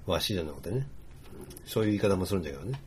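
A man speaking with a Hiroshima dialect in a relaxed, rambling casual monologue, full of fillers. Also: sits low, rapid-fire, slight background noise.

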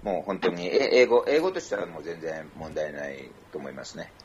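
A man's voice: rumbling low, brisk, highs cut off, a little hiss or hum. A man from Kyoto with a Kansai accent, giving casual feedback on a speech and slipping into English now and then. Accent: Kansai Japanese. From Kyoto, Japan. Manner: lively, mixes in English and Kansai dialect. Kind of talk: casual online chat.

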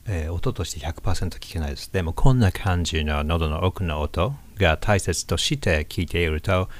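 Deep-voiced man teaching pronunciation. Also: brisk. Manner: demonstrates sounds, stretching and exaggerating words. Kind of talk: casual video lesson.

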